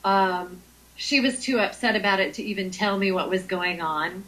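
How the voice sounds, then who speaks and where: A woman's voice: mid-range voice, moderate pace, fairly bright tone, low-quality recording. A woman being interviewed as a Reiki healer, talking in a hesitant way with many ums and restarts. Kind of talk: conversational interview.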